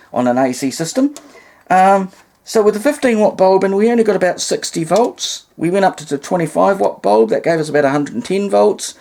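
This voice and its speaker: In a relaxed hands-on demo, a man shows vintage radio testing, explaining in a meandering way full of asides and alternative terms. His voice is on the high side and a little mellow.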